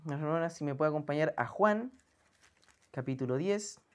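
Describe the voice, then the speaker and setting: A woman's voice: low voice, lively intonation, moderate pace, darkish tone. A woman preaching an earnest sermon, often calling her listeners brother.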